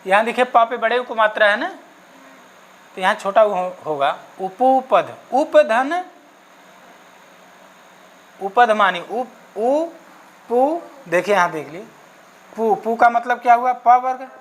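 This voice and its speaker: Male teacher leading an exam-prep grammar lesson at a slow, patient pace, constantly checking in and answering his own questions. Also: extremely high pitch, lively intonation, fairly bright tone. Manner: asks questions and answers them himself; checks in often with "okay". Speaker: Sanskrit teacher.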